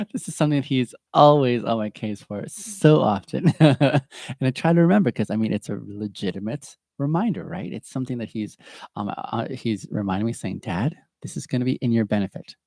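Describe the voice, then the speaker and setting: A man's voice: mid-range voice, expressive, moderate pace, gravelly, darkish tone, no room sound, studio quality. A middle-aged man hosting a podcast from home, talking in a chatty, earnest way and often laughing at himself. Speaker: podcast host. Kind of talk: casual reflective monologue.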